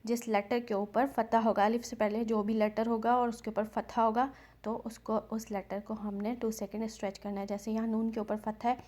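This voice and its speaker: A woman's voice: on the high side, level tone, dark tone. Patient woman teaching Quran recitation rules. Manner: patient, explains each rule and repeats the drawn-out chanted example words. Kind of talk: step-by-step recitation lesson.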